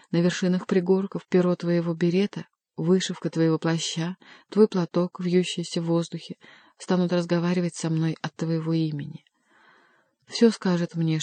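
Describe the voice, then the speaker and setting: A woman's voice: on the low side, dry recording, lightly acted. Tender young noblewoman, read by a woman. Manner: gentle, lyrical.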